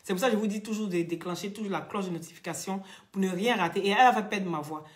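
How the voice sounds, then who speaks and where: Hoarse woman streamer, loud, taunting, quick to laugh. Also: medium pitch. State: hoarse, losing her voice. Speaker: social media live streamer. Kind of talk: mocking live-stream rant.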